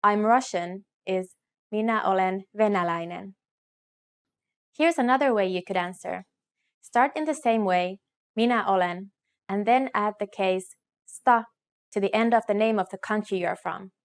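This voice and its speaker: A woman with a medium-pitched voice narrates a scripted language lesson, delivering it in a clear, measured teaching style and slowing down to model phrases.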